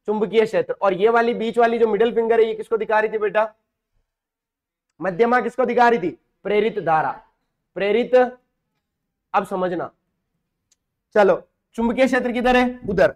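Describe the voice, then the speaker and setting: A man's voice: high voice, moderate pace, pauses often, a little mellow. A man teaching physics as a classroom lesson, explaining step by step, asking and answering his own questions and calling students "beta".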